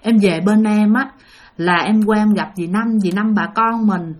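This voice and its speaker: A woman voicing a frightened wife who talks softly and hesitantly to her husband in a told story. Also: medium pitch, normal speed, close to an everyday voice. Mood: worried. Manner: hesitant, soft, worried.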